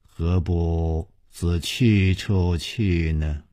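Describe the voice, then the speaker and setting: A man voicing a serene old abbess, very slow. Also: fairly even intonation, dark tone, no echo, studio quality. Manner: very slow, lowered, smiling speech.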